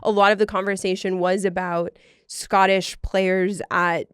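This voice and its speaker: A young woman co-hosting a podcast in casual chat, upbeat and teasing with quick asides. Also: medium pitch, little pitch movement, clear, resonant tone, dry recording, clean studio sound. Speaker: podcast co-host.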